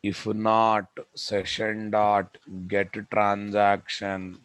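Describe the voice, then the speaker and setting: A man's voice: low voice, fairly bright tone, rough recording. A man with a Telugu Indian accent teaching live coding, dictating code aloud, repeating phrases and addressing his students directly. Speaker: programming instructor.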